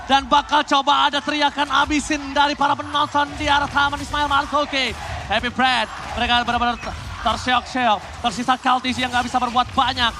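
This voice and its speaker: A man's voice: very high voice, flat delivery, brisk, noisy background. A man working as an esports caster, calling play-by-play with hype and English phrases mixed in. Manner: hype shouting, mixing English phrases into speech. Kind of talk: excited esports play-by-play commentary. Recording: loud music behind the voice. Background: loud music.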